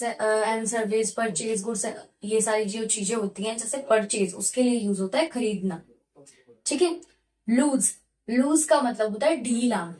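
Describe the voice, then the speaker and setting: Young woman, high voice, English teacher, explains words in mixed Hindi and English, slightly sore throat. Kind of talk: vocabulary lesson.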